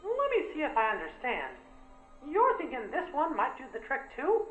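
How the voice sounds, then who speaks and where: A tiny, kindly mouse hero, speaks in a very high, squeaky falsetto. The pitch swoops freely with folksy earnestness. It is cartoon video game acting with music underneath. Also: male voice, huge pitch swings, normal speed, fairly bright tone, reverberant, dull audio, full character voice. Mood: concerned, encouraging.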